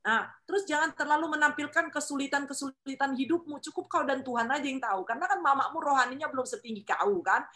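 Lively woman giving faith talk. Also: sits high. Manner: lively, acts out quoted voices, frequent tag questions.

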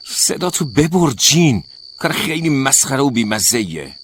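A man's voice: lively intonation, a bit bright, a little hiss or hum, heavily acted. Man doing a raised-voice irritable young woman. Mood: angry shouting. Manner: pitched up, pleading and snappish. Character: tired, irritable young woman student, roommate. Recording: crickets chirping in the background.

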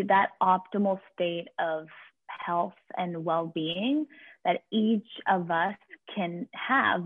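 This podcast guest, a Venezuelan career coach with a Venezuelan Spanish accent, is energetic and keeps restarting her sentences during the interview. Her medium-pitched voice comes through a dry, tinny, phone-like recording.

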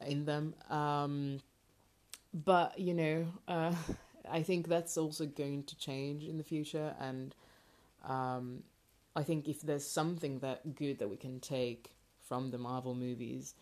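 A woman's voice: extremely low pitch, a little mellow. A woman hosting a casual solo podcast from her garage on a makeshift microphone, talking informally and hesitantly in a rambling way. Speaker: podcast host. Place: in a home garage, parking space indoors. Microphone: makeshift, not a proper microphone. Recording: amateur garage recording, makeshift mic.

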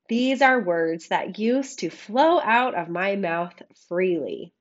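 Woman, podcast host, froggy scratchy voice, hoarse with a cold, mid pitch, reflective scripted delivery, affectionate address. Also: muffled recording. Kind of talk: reflective scripted monologue to listeners. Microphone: makeshift microphone, not a studio one.

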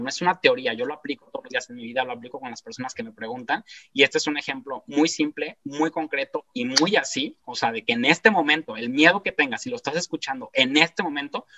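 Animated Mexican man, bright slangy storyteller. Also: medium pitch. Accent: Mexican Spanish. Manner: animated, slangy, acts out quoted voices. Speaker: guest speaker. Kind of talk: casual storytelling. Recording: dull lo-fi sound.

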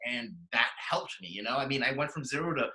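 A man talking casually about his copywriting business in a podcast interview, blunt, swearing freely, with quick sales patter. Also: mid-range voice, bright, forceful tone, rough recording. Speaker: copywriter guest.

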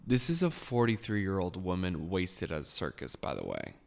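A man's voice: deep voice, huge pitch swings, moderate pace, vocal fry. A man hosting a podcast, telling a gossipy recap in a sarcastic, casual way. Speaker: podcast host.

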